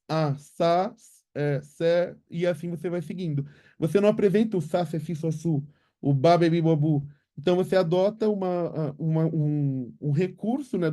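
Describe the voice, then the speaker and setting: A man's voice: sits high, mellow. A man with a Brazilian Portuguese accent, a literacy researcher answering viewer questions in a live webinar, explaining patiently and ending points with tag questions.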